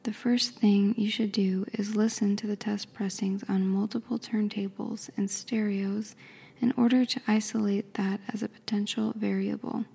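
A woman whispering softly and carefully, describing and reading aloud in an ASMR style. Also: medium pitch, flat delivery, vocal fry, breathy edge. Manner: soft, slow, careful whisper. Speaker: ASMR creator.

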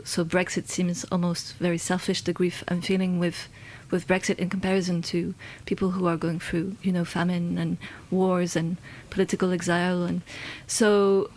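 A woman's voice: on the low side, a little mellow. A London-born woman, a guest in a conversational interview, talking in a hesitant way with many fillers and restarts.

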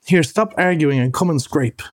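A man reading a storybook voices an impatient, excitable male water rat who scolds and urges. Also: fairly high pitch, moderate pace, no room sound, pitched above the performer's own voice, lightly acted. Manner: urgent, scolding. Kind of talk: audiobook reading.

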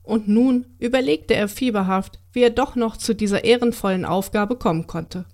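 A woman reading a children's Christmas story aloud in a calm, expressive storytelling manner. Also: mid-range voice, normal speed.

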